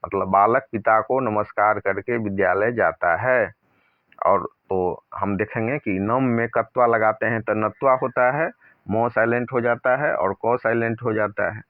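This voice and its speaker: A man with a fairly low voice teaches a grammar lesson, reading each example slowly and then explaining it plainly. The recording is dry and narrow, like a phone call. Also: no room sound. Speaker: Sanskrit teacher.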